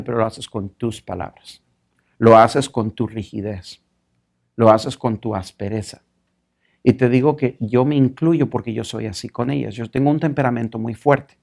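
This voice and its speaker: A male pastor delivering a sermon in a gravelly voice at a middle pitch. He tells stories with animation and drops into English phrases now and then. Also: darkish tone.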